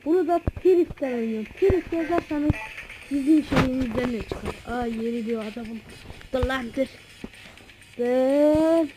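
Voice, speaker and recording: High-pitched woman host for a home let's-play; excitable, foul-mouthed, trash-talks opponents. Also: unhurried, noisy background. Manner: excitable, swears and heckles rivals. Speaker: gaming channel host. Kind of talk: casual let's-play commentary.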